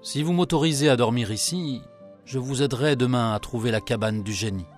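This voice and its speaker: A man voicing an old male beggar with hidden powers, calm and threatening, in a storybook reading. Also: medium pitch, fairly quick, soft background music, natural voice. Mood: kindly.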